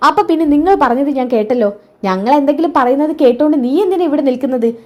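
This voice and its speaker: A quarrelsome young woman with a high, sharp voice, picking a fight and snapping at others, as a woman narrator acts her out. her tone is spiteful and confrontational throughout. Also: fast, dull audio, close to an everyday voice.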